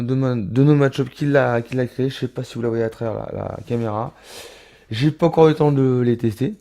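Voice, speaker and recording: In his home studio, a thirty-year-old man who vlogs about roller skating talks casually through an unboxing. His voice is warm and medium-pitched. He is chatty, stumbles through many fillers and restarts, and refers to his viewers as little rabbits.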